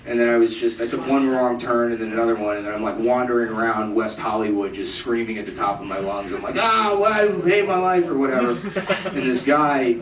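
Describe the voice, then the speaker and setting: A young man performing a stand-up set in a comedy club, deadpan and self-mocking, now and then acting out people in a high mocking voice. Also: a little fast. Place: comedy club stage with audience laughing. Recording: echoey, distant amateur club recording with loud noise.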